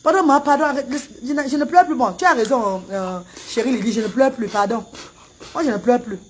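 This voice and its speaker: A woman from Cameroon, chatting casually on a live stream and breaking into loud wailing chants. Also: a little high, fairly quick, slight background noise. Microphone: phone camera.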